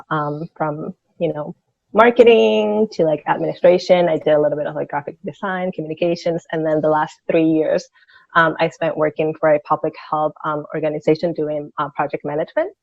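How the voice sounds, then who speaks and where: A Venezuelan woman in her thirties, a senior financial analyst appearing as an interview guest, answers questions casually and keeps dropping in "like." Her voice is low, creaky and steady, and she talks briskly. The audio is dull, with no echo.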